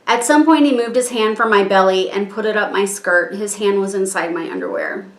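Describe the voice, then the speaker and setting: A woman reads her own written statement aloud in a measured, halting way. She sounds strained, working to keep her composure. Her voice has a middling pitch and carries a noticeable room echo. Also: very animated. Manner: measured, halting reading with pauses. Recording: echoey room.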